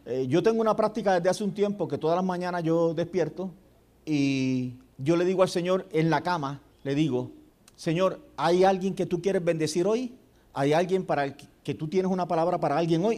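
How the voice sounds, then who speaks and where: A man, a pastor telling a story in a sermon and acting out the dialogue. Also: sits high. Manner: storytelling with animated quoted dialogue.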